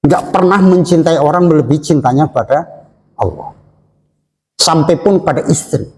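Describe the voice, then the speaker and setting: A man giving a religious study lecture to a congregation, chatty, joking and laughing with his listeners, slowing to stress key terms. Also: a little high, a little mellow. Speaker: Islamic preacher. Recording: echoey hall reverb.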